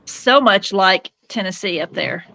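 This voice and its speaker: A woman's voice: mid-range voice, measured pace, sharp tone, a little hiss or hum. A woman, chatting casually as co-host of a paranormal podcast from home. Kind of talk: casual chat. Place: home bedroom.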